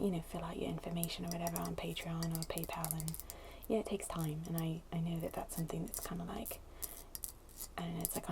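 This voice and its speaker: Hushed and breathy, a woman speaking in a fairly low voice gives a casual, hesitant ASMR chat to viewers from a wooden table indoors. Clicky tapping sits over her close voice as fingernails tap and scratch a glass bottle.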